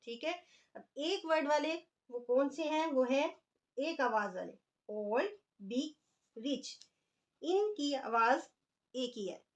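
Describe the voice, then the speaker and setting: A woman's voice: high voice, animated, takes it slowly, pauses often. A woman teaching an English grammar lesson, explaining patiently and stretching out example words as she writes them.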